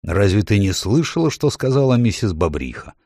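An earnest, blunt male beaver from a storybook, as a man reads him, in a low, husky voice that swings widely in pitch. He leans hard on the important words, and the recording is dry and close. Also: sing-song, moderate pace, darkish tone, no room sound, exaggerated voice. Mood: indignant. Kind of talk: audiobook character voice.

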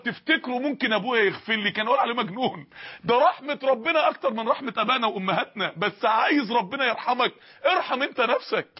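A man's voice: high-pitched, slightly rough, highs cut off. An Egyptian man preaching an emotional sermon, pleading with his listeners through repeated rhetorical questions. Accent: Egyptian Arabic.

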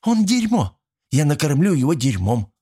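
A vengeful young woman, voiced by a male audiobook reader, girlish and venomous, pleading one moment and spiteful the next. The voice is lifted well above his own, yet a husky, gravelly grain stays under it. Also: on the high side, lively intonation, moderate pace, darkish tone, voice pushed up. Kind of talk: audiobook reading.

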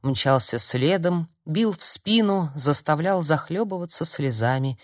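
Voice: mid-range voice, animated, measured pace, no echo. A narrator giving a dramatic, varied audiobook reading, recorded close to the mic. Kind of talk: audiobook reading of a dark fantasy novel.

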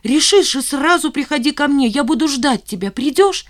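A woman's voice: high-pitched, expressive, normal speed, voice pushed up. A woman reading an audiobook, voicing a remorseful teenage boy who talks eagerly and pleads. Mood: earnest.

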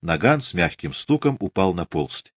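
A man reading a novel as an audiobook narrator, in a measured and expressive way. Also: deep voice, breathy edge, dry recording.

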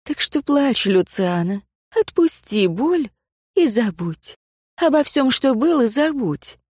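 A woman's voice: on the high side, sing-song, takes it slowly, darkish tone, breathy edge, no room sound, studio quality, heavily acted. A woman voicing a shrewd, homely older village woman who talks in folksy, plain speech. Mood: soothing.

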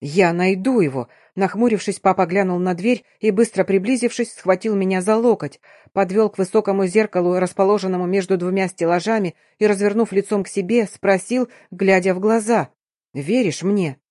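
A woman narrating a first-person audiobook in a steady, even storytelling read. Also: medium pitch, fairly quick, dry recording, clean studio sound.

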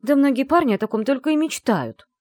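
A woman reading an audiobook, voicing a stubborn, sharp-tongued young woman who snaps back with defiant retorts. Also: high voice, expressive, brisk, dry recording, studio quality, pitched above the performer's own voice. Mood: mocking.

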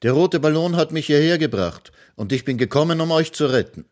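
A man voicing a brave little boy who frees kidnapped children, in a raised, bright storybook voice. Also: on the high side, animated, brisk, pitched above the performer's own voice, natural voice. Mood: proud, eager. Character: brave little boy hero, eager and proud.

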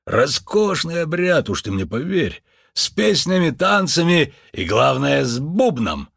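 A man voicing a shrill, eccentric street mystic. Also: very animated, unhurried, vocal fry, fairly bright tone, husky, dry recording, clean studio sound, full character voice. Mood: grandiose. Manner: high, exuberant, theatrical. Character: eccentric excitable older male mystic sign-twirler. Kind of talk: audiobook character voice.

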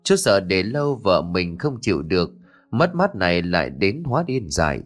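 A man tells a ghost story in a dramatic, scripted narration. His voice is fairly low and rises and falls widely. Soft music plays faintly underneath. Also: big pitch swings, normal speed.

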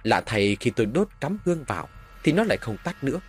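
A man's voice: medium pitch, sing-song, fast talker, soft background music. A man narrating a first-person horror story in a dramatic storytelling manner.

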